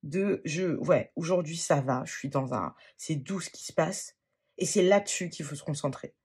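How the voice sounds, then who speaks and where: With a middle-range voice that is husky and a touch breathy, a tarot reader speaks through a reading in an improvised monologue. She is gentle but halting, repeatedly using fillers and starting over.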